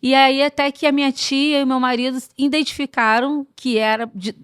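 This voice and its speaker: A woman guest on a podcast, telling stories in a lively, expansive way in casual chat. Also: high voice, a little fast, clean tone, no room sound, clean studio sound.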